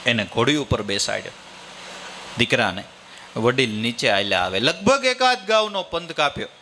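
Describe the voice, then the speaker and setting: A man's voice: medium pitch, very animated, moderate pace, pushed and bright, a little hiss or hum. A man preaching in a Kathiawadi accent, telling a folksy story during a devotional gathering. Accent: Kathiawadi Gujarati. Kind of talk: sermon with storytelling.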